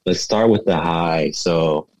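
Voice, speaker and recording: A man in his thirties, raised in the United States, talking casually as a guest in an interview, relaxed and reflective with lots of "you know". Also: low voice, slow pace, dry recording, poor audio. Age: 30s. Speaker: guest, fashion entrepreneur.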